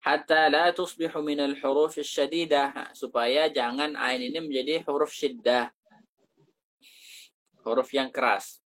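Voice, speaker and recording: A man's voice: on the high side, fairly even intonation, a bit bright. Man teaching Quran pronunciation. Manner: explains slowly, demonstrating Arabic sounds then translating into Indonesian. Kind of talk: teaching Arabic letter pronunciation.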